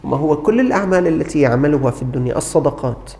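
A man with a rather high, slightly mellow voice preaches rapid-fire and animatedly, addressing the congregation earnestly as his brothers. He tells stories to make his point, and the recording has a long hall reverb.

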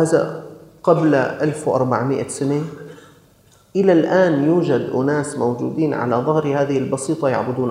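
A man's voice: on the high side, warm tone. A man preaching a sermon in an earnest, rhetorical storytelling manner, with echoey hall reverb.

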